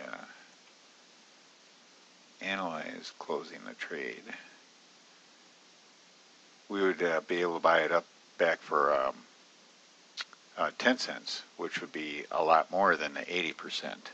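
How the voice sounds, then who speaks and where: Low-voiced man walking through a trade. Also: sharp tone, breathy edge, dull audio. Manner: casual, chatty, many fillers, bursts into high-pitched alarm retelling panic. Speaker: options trading educator. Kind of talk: screen-recorded trading walkthrough.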